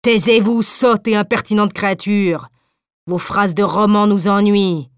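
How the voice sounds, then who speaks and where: A woman's voice: mid-range voice, unhurried, clean tone, no echo, studio quality, lightly acted. A woman reading the part of a domineering, scornful husband in an audiobook. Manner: blustering, insulting.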